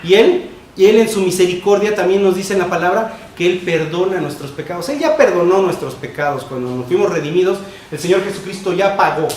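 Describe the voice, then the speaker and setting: A man preaching a sermon as pastor, emphatic and repetitive, with quick shifts between loud and soft. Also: high-pitched. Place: church sanctuary. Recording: echoey church room with faint noise.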